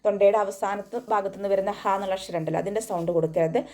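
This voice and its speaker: Teaching tajweed online, a female Quran recitation teacher breaks down each rule step by step with patience. Her mid-range voice has a warm tone and fairly even intonation, and she recites Arabic slowly and melodically between points.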